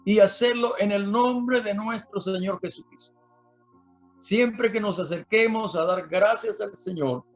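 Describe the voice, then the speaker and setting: A man preaching a sermon in a slow, halting way, with many fillers and repeated words. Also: high voice. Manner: dictates words slowly for listeners to write down.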